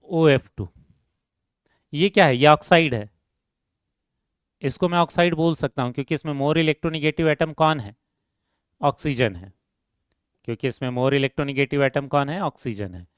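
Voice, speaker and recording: A man's voice: on the high side, clean tone, dry recording, clean studio sound. Man explaining chemistry with question-and-answer lecturing. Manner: asks the class questions and answers them himself; calls students "beta", repeats key terms. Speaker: chemistry teacher. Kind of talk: classroom lecture.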